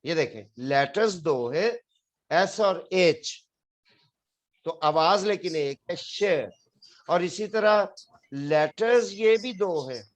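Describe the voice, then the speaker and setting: With a fairly high, expressive voice and a slow delivery, a man from Pakistan gives a classroom spelling lesson in English. He explains patiently and repeats every word.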